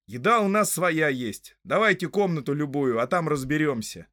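A man voicing a brash young male hobbit traveller in a storybook reading, brisk and offhand. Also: on the high side, animated, a bit bright, no room sound, studio quality, pitched above the performer's own voice. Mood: brusque.

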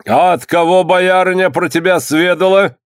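A man's voice: high-pitched, moderate pace, clear, resonant tone, no echo, clean studio sound, voice pushed up, lightly acted. A man voicing a cruel boyar who interrogates a prisoner, issuing commands in a sneering tone. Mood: stern. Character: cruel stern male boyar interrogator, mocking.

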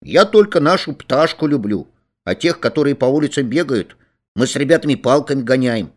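A man's voice: medium pitch, expressive, a little fast, voice pushed up, close to an everyday voice. A man voicing a cheeky young schoolboy who answers eagerly. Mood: boastful.

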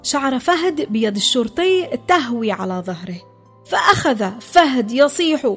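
Woman reading a kids story out loud, high voice, soft music behind. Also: normal speed, slightly rough. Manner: expressive, dropping low for sad passages. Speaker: narrator. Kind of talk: scripted storybook narration.

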